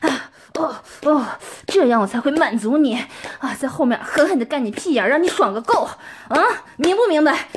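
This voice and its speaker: A woman's voice: high voice, lively intonation, fairly quick, few pauses. A woman playing a bossy possessive older schoolmate. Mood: domineering. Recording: noisy recording with clicks.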